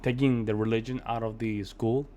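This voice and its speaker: A man's voice: mid-range voice, level tone, moderate pace, mellow. A man from Puerto Rico giving casual, emphatic reaction commentary. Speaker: reaction video host.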